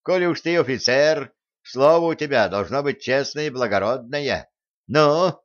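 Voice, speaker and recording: A man voicing bold, stubborn armed peasant men who shout back loudly and cheekily. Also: mid-range voice, animated, moderate pace, pitched above the performer's own voice, natural voice. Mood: defiant, cheeky. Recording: slightly dull recording.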